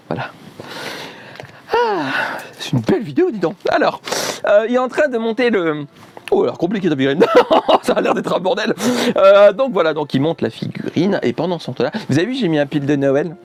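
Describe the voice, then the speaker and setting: Man, casual unboxing chat, rambling, jokey, animated pitch, slightly high voice. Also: fast talker. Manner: rambling, playful, laughs often. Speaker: YouTuber unboxing a subscription box.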